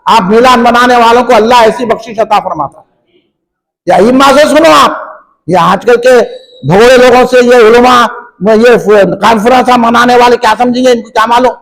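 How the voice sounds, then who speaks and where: A man preaching, his voice pitched very high for a man. He delivers an impassioned sermon, firing questions at the crowd and climbing into shouts. It sounds like a religious gathering in a function hall. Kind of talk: fiery sermon.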